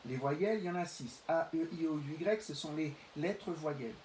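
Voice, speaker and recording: A man's voice: on the high side, a little mellow. Patient male teacher in a roomy space. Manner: slow, careful, stretching out example words. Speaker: primary school teacher. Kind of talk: reading lesson for young pupils. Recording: roomy, distant mic, faint hiss.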